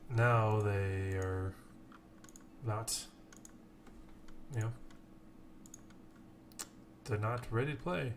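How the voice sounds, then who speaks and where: Speaking extremely slowly with long pauses, a man with a lowish voice commentates an esports tournament on a late-night live stream. He chats casually, mocks himself and apologizes often, all over clear keyboard typing.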